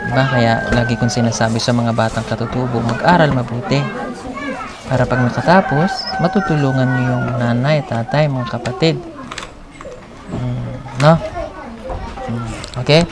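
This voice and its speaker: A woman's voice: very deep voice, steady tone, normal speed, loud music behind the voice, a loud crowd. A woman from the Philippines vlogging as she hands out aid, talking in a coaxing, motherly way and laughing easily. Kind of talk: casual on-camera chat.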